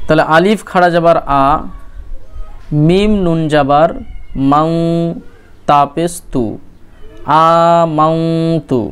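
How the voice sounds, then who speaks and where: A man teaching Quran recitation, spelling out letters and vowels and then chanting each word slowly and drawn out. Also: a little high, clear, resonant tone. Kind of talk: slow recitation lesson.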